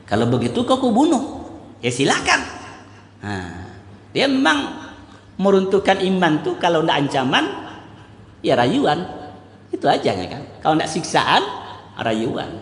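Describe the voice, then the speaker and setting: A man's voice: fairly high pitch, wildly swooping pitch, measured pace, pauses often, a bit bright. A male imam preaching a storytelling sermon, speaking directly and animatedly to his congregation. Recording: echoey hall reverb.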